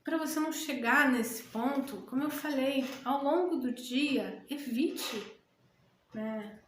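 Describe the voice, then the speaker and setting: A woman coaching listeners through anxiety, talking gently and slowing down to repeat calming phrases. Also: on the high side, a little hiss or hum. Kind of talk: guided breathing talk. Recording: echoey room with faint ambience.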